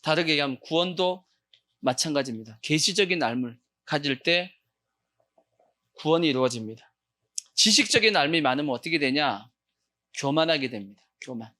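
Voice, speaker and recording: Male pastor, fairly high voice, preaching in a call-and-response style with sudden loud shouts. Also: expressive, moderate pace, long pauses. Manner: call-and-response questioning of the congregation; bursts into loud acted shouts. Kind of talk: sermon. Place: church sanctuary.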